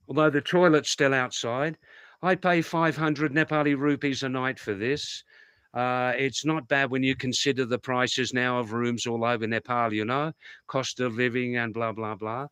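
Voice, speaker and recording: A man's voice: medium pitch, fairly bright tone. A man hosting a casual livestream, chatting to viewers in a rambling way and repeating words and phrases for emphasis. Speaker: livestream host.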